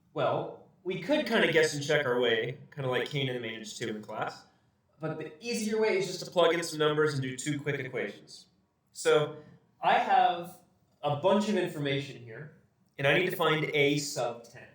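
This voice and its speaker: A man's voice: fairly high pitch, fairly bright tone. A young male teacher giving a recorded math lesson in an empty classroom, with jokey, self-deprecating asides. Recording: very echoey room, distant mic.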